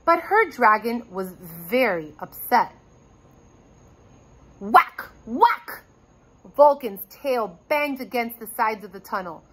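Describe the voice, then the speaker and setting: A woman's voice: a little high, animated, unhurried, few pauses, breathy edge, poor audio. A woman teacher reading a chapter book aloud to children, addressing them directly and expressively. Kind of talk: storybook read-aloud.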